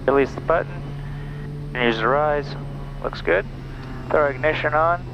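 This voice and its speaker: A man's voice: a little high, moderate pace, creaky. A man in his thirties, a bush pilot in a small plane cockpit, talking through his checklists step by step on a headset and making radio calls. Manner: methodical, running through checklists aloud. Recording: muffled headset audio over engine noise.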